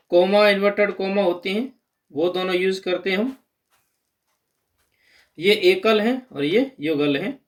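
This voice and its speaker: A man teaches an exam-prep grammar lesson. His voice sits high for a man, and he lifts it to stress each key term as he explains step by step.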